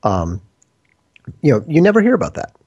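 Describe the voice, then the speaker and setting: A man's voice: a little high, wildly swooping pitch, moderate pace, creaky, darkish tone, husky, dull audio. A man from Minnesota, a guest in a casual, rambling discussion. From United States, Minnesota. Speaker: interview guest.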